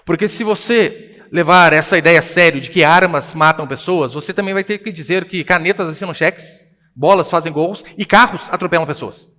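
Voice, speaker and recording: Animated Brazilian pastor in a reverberant hall. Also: male voice, on the high side, brisk. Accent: Brazilian Portuguese. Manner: animated preaching, swinging between hushed and loud. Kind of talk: sermon. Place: church hall.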